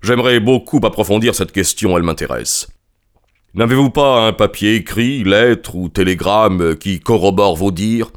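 A man plays a suspicious old professor in a storybook reading, his voice deep and harsh. He questions coldly, with a barely held-back menace. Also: normal speed, natural voice. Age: older. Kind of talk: audiobook character reading.

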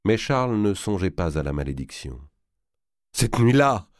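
Deep-voiced man reading a historical novel. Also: a little fast, dry recording, studio quality. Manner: expressive, theatrical reading. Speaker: narrator. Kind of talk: dramatic audiobook reading.

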